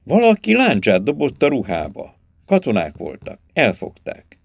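A man voicing a sharp-eyed young hunter who reports what he finds in short, urgent bursts. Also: mid-range voice, huge pitch swings, vocal fry, dry recording, heavily acted.

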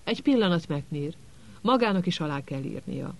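Egy férfi megszólaltatta idős, bölcs igazgató egy hangoskönyvből, megfontolt és derűs. Nyugodt tempóban beszél, csendes humorral. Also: male voice, fairly high pitch. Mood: calm. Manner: calm, unhurried. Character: calm, wise, gently amused old headmaster.

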